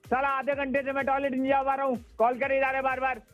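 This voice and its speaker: Man doing a squeaky, ranting office guy. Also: monotone, fast talker, soft background music. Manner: ranting, shouting from off-mic. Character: harried office man, angry and impatient.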